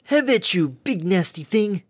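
A man's voice: high voice, big pitch swings, unhurried, pitched above the performer's own voice, heavily acted. A man voicing a cheerful, clumsy, dim-witted female pegasus pony who speaks eagerly and earnestly, with a stammer.

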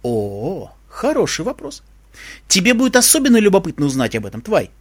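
A man's voice: high-pitched, huge pitch swings, brisk, heavily acted. A man voicing a wisecracking ship computer. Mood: playful.

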